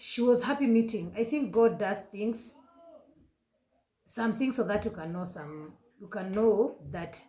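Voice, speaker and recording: Kenyan woman telling a story, halting. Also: medium pitch, darkish tone, slight background noise. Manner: halting, repeats and corrects herself, switches into Swahili. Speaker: vlogger. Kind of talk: emotional personal storytelling. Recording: roomy echoey room.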